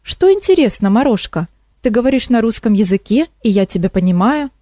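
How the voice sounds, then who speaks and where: A woman's voice: on the high side, big pitch swings, a little fast, mellow, no echo, clean studio sound. A woman voicing a cheerful, eager female swamp kikimora who pleads and enthuses, in a storybook reading.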